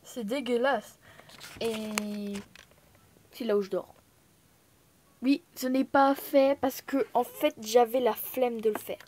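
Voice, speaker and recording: Chatty young woman with a higher voice. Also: steady tone, takes it slowly, long pauses, background noise. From Thailand. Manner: chatty, scattered, lots of fillers and apologies. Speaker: vlogger. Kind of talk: casual chat to camera. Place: apartment room at home. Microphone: phone held in hand.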